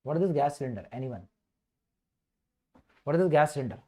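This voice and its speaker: A man's voice: a little high, animated, fairly quick, mellow. A man with a North Indian accent teaching an exam revision class, repeating key words like a chant and prompting students with questions. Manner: mixes Hindi phrases into English. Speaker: medical teacher leading a revision session.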